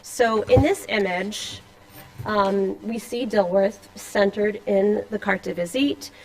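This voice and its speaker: Conference speaker, woman, slight Boston accent, gravelly, scholarly with offhand asides. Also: mid-range voice, fairly even intonation, slow pace, darkish tone, poor audio. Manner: scholarly, reading a paper with asides and fillers. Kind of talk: academic conference talk. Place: lecture room with slides.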